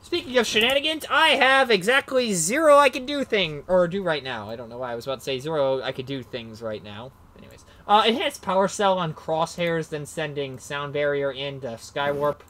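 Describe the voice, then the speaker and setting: Rambling, animated male card player. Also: on the high side, fairly quick, few pauses. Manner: rambling, self-mocking, loses his train of thought. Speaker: card game player and commentator. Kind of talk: casual play-by-play of a card match.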